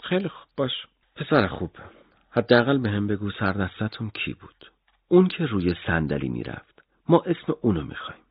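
A man's voice: lowish voice, sing-song, slightly rough, no room sound, lo-fi sound, heavily acted. A man doing a cruel, taunting interrogator. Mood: coaxing. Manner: threatening, taunting. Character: menacing middle-aged male interrogator, cruel and cold.

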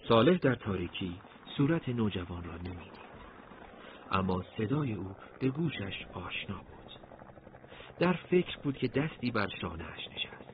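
A man narrating an audiobook story in a steady, measured way. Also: lowish voice, narrow, tinny audio, a little hiss or hum.

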